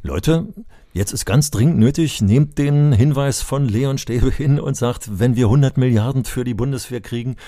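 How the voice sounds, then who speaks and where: A studio-quality recording with no room sound captures an older Berlin man, an education advocate co-hosting a podcast, who talks with impassioned, rhetorical force and gets heated when angry. His voice is medium-pitched and warm, at a normal speed.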